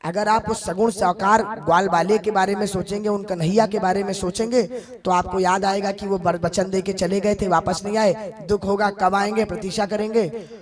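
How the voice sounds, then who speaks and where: A male preacher gives a devotional sermon with a very high voice. He stretches his chanted verses slowly and speaks straight to his listeners between them. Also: steady tone. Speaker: religious storyteller preacher.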